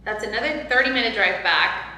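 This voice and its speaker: A woman's voice: medium pitch, lively intonation, a little fast, pushed and bright. A woman on a panel talk, candidly telling a personal story in a casual, emotional way. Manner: emotional, candid, faith-minded. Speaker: panel guest. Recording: echoey room with long reverb.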